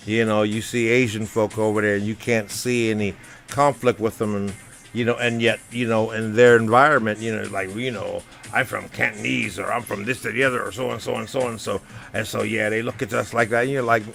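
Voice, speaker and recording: A man's voice: medium pitch, a bit bright. Rambling American man over faint music. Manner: rambling, many "you know" fillers. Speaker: vlogger. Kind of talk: casual spoken commentary. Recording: faint background music under voice. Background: faint background music.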